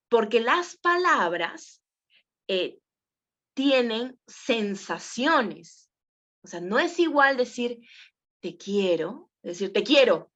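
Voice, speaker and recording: A woman's voice: a little high, a bit bright, muffled recording. A woman teaching a voice and presenting workshop in a conversational way, with many fillers and questions to the class. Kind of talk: spoken workshop lesson.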